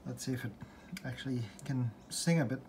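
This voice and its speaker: Working at a desk indoors, a hobbyist restorer talks briskly through a repair in a medium-pitched voice, improvising as he goes. He explains somewhat hesitantly, thinking aloud, in an informal workbench walkthrough filmed on a handheld phone or camera from behind the lens, with faint background noise.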